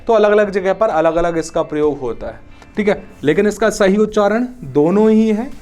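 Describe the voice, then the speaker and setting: Male teacher, young, high-pitched, explanatory exam-prep lecture style, frequent rhetorical questions. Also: darkish tone.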